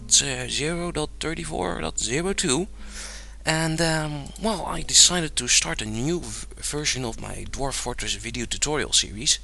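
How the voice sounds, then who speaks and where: A young Dutch man narrates a game tutorial over his screen in a relaxed, rambling way, full of fillers and frequent little chuckles. His voice is fairly high and gravelly, his pace moderate, and there is slight background noise.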